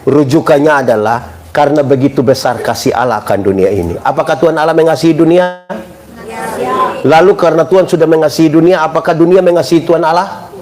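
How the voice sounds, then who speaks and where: A man's voice: a little high, quick pace. A male pastor preaching a live sermon, joking and quizzing his congregation with call-and-response questions. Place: church service. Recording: live church recording with congregation and room noise.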